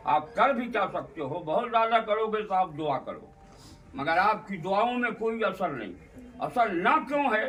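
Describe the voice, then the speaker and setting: A man delivers a fiery sermon to a gathering, his high, bright voice climbing into impassioned shouts. He sounds set back from the microphone, with the space around him audible. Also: animated, normal speed, distant mic. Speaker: religious orator. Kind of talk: fiery public speech.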